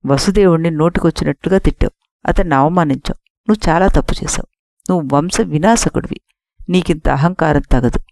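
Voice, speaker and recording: A woman voicing an angry elder nobleman who scolds a tyrant king in a forceful manner, in an audiobook story. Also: sits low, brisk. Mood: scolding.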